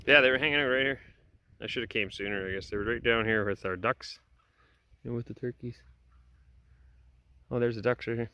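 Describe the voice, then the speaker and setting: A man's voice: mid-range voice, fairly quick, pauses often, bright, forceful tone, clear, resonant tone. A man chatting casually to the camera as he walks around his homestead, rambling with lots of "uh" fillers. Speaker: homesteader vlogger. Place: outdoors on a farm, then indoors in a house. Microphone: handheld camera.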